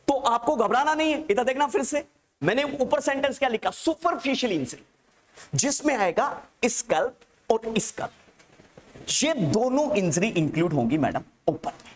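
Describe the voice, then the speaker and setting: A man teaching a nursing exam class. He dictates terms slowly and repeats them for students to write down. He keeps checking that they have understood and calls them "child" in a fond, coaxing way. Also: high voice, slight background noise.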